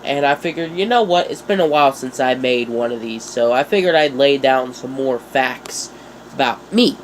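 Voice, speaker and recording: In a casual vlog, a young YouTuber with a cold-stuffed nose talks in a mid-range, expressive voice at a normal speed. He rambles, jokes, and mocks himself for his viewers, with slight background noise present.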